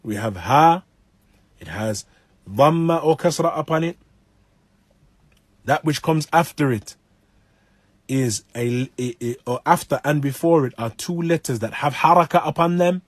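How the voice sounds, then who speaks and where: A man teaching recitation in a patient, explanatory way, pausing to recite short Arabic examples slowly. His voice sits a little high for a man. The sound is dry and close, with no room around it. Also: dry recording. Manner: patient, recites Quranic phrases slowly to demonstrate.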